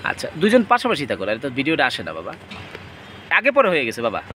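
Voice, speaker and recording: A man's voice: mid-range voice, wildly swooping pitch, fast talker, bright, forceful tone, a little hiss or hum. A man, a father filming his children and playfully coaxing them to recite and pose. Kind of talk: casual home video.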